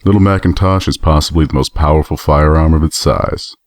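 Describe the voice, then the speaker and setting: A man brings to life a battle-worn male pony soldier in heavy armor, heard in a storybook reading. His voice sits extremely deep and gruff, measured and somber. It is recorded close and dry. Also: no room sound. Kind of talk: audiobook role reading.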